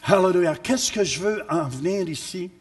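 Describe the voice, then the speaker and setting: Male pastor, husky and high, emphatic preacher who teases the congregation. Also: animated, moderate pace. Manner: emphatic, teasing, rising to shouts. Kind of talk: sermon. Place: church.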